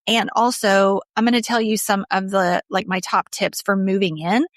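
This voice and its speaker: A woman's voice: medium pitch, steady tone, normal speed, dry recording, clean studio sound. A middle-aged woman hosting her own podcast, talking casually and openly, speaking straight to her listeners. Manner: chatty, open, addresses listeners directly. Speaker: podcast host. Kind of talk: casual solo podcast talk.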